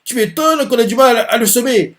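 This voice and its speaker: Casting: a man doing a young man, startled and incredulous, voice pushed up high, slightly off-mic. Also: brisk, fairly bright tone.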